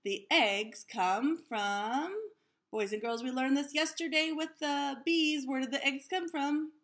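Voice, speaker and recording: A woman with a high-pitched, slightly bright voice reads a children's story aloud like a teacher, animated throughout. She pauses to ask questions and explain things to her young listeners.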